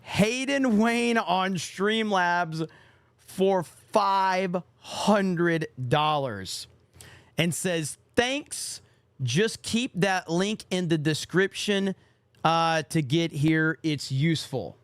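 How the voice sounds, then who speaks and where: The livestream podcast host is a young man with a high, expressive, smooth voice who speaks extremely slowly. In a casual stream, he reads out viewer donations and swears offhandedly. The recording is dry.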